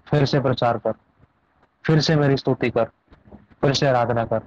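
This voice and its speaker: A man preaching voices the Lord as a gentle but commanding male divine figure, giving urgent repeated commands. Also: medium pitch, fairly even intonation, normal speed, lightly acted. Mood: urging. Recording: dull lo-fi dry recording.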